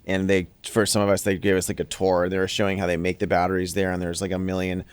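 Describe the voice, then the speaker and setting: A man hosting an interview talks quickly and chattily, with a fairly low voice. He often repeats words at the start of a thought. The sound is dry and close, with no room echo. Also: completely flat delivery, clean tone. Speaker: podcast host. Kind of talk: casual interview.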